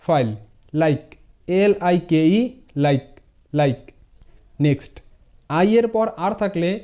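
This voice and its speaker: A man's voice: high voice, warm tone. A man teaching English pronunciation in a spoken tutorial lesson, spelling words letter by letter and repeating each word. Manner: addresses viewers informally, mixing English words into Bengali. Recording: dull lo-fi sound.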